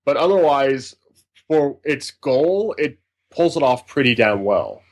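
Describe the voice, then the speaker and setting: A man's voice: medium pitch, very animated, a little slow. Rambling, enthusiastic male music reviewer. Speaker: podcast co-host, music reviewer. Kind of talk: casual podcast chat.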